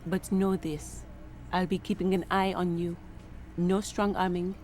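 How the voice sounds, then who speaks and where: A woman voicing a stern union legal counselor in a detective game, cool and measured, with a French-sounding accent. Her voice sits a little low. A faint hum sounds behind her. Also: level tone, darkish tone, lightly acted.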